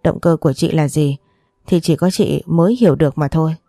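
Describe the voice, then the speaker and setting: A woman's voice: deep voice, a little fast, warm tone, dry recording, studio quality. A woman reading the part of a stern, commanding elderly grandmother in an audiobook, with a scolding, authoritative manner.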